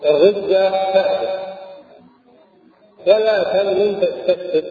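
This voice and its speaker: A man giving a measured religious lesson, explaining and quoting scripture. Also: sits high. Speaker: Islamic scholar. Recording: echoey hall, tinny phone-like audio.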